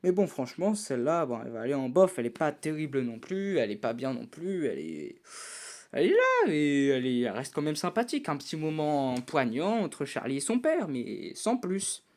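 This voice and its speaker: A man's voice: fairly high pitch, animated, fairly quick, hardly any pauses, darkish tone. Chatty hesitant man ranking songs. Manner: hesitant, many fillers and restarts, enthusiastic verdicts. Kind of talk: casual tier-list commentary.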